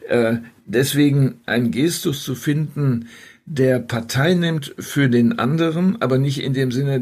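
Man, husky voice, thoughtful, measured podcast talk, hesitant pauses. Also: medium pitch, a little mellow. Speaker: podcast guest. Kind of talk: reflective conversational podcast talk.

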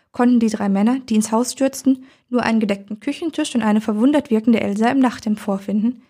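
Husky woman reading a story. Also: fairly high pitch. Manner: calm, even storytelling. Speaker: narrator. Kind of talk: first-person story reading.

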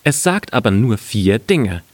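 A man's voice: on the low side, very animated, a little slow, dry recording. A man reading a fairy tale aloud, voicing a sly, cunning poor peasant in a slightly raised voice.

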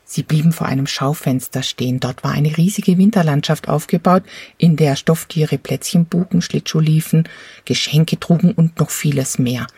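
A woman reading a children's storybook aloud in a calm, even storytelling manner. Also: low voice, normal speed, slightly rough, no room sound. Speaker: narrator.

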